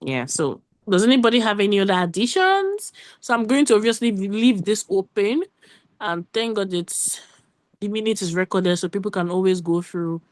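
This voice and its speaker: Fast-talking woman leading a call. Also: medium pitch, lively intonation, dry recording, clean studio sound. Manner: quick, run-on talk with restarts. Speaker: working group meeting lead. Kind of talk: casual meeting update.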